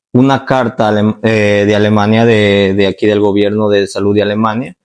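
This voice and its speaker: A man in his thirties from Ecuador talks through his answers as an interview guest. His voice sits a little low, and he keeps a calm, measured pace, often tagging his sentences with a questioning "¿no?". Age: 30s. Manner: calm, measured, frequent "¿no?" tags.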